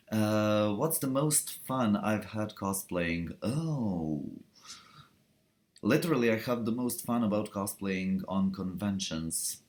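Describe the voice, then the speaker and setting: A young man, chatting casually on a live stream and answering viewer questions, rambling with lots of fillers, restarts and laughs. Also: fairly low pitch. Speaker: cosplayer hosting a live stream Q&A.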